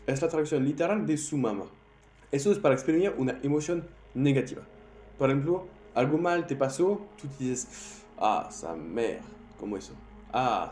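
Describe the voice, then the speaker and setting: A French teacher, speaking Spanish as a non-native, gives a slang vocabulary lesson, repeating words slowly so learners can drill them. His mid-range voice is mellow, and the recording carries a roomy echo, faint music, and a little hiss or hum.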